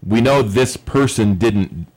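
A man co-hosting a radio show, explaining technical matters in a casual, measured way. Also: fairly low pitch, a little mellow. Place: radio studio.

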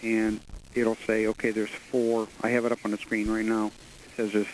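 Low-voiced radio show caller, a hesitant man. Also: monotone, normal speed, darkish tone, a little hiss or hum, poor audio. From New York, USA. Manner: hesitant, unsure of computer terms. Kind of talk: call-in question to a tech help show.

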